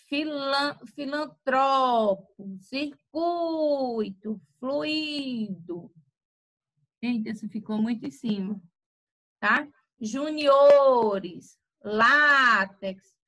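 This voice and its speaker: A Brazilian woman teaching a grammar lesson, speaking slowly and stretching out example words, checking in with "tá?". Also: on the high side, pushed and bright. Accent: Brazilian Portuguese. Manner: slow and deliberate, stretching out example words and using "tá?" tag questions. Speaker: Portuguese teacher.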